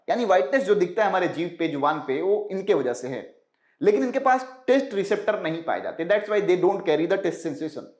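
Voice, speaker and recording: A man with a high voice teaches an exam-prep biology lesson in an echoey room. He asks rhetorical questions and answers them himself, slowly repeats key terms, and mixes English science words into his speech.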